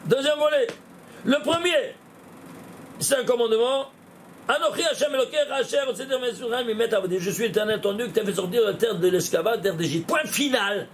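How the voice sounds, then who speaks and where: A man teaching a Torah lesson as a rabbi, lively and questioning, talking straight to his listeners. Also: very high voice, moderate pace, pauses often, slight background noise. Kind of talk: animated Torah lesson with gematria.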